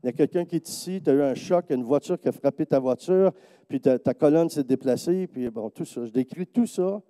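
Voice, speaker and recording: A man's voice: brisk, no room sound. A man preaching with a Quebec French accent, telling stories and acting out the people in them. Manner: lively storytelling, acting out quoted people in a higher voice. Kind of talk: sermon testimony. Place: church.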